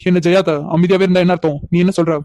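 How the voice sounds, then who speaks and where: A woman's voice: lowish voice, level tone, rapid-fire, close to an everyday voice. A woman voicing a caring young man in a cartoon, pressing his aunt with insistent, pleading questions. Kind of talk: animated cartoon dialogue.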